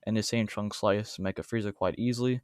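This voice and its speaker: Rambling, argumentative low-voiced man. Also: steady tone, brisk, smooth, no echo, clean studio sound. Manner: rambling, self-correcting, argumentative. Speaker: YouTube debate commentator. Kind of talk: casual commentary monologue.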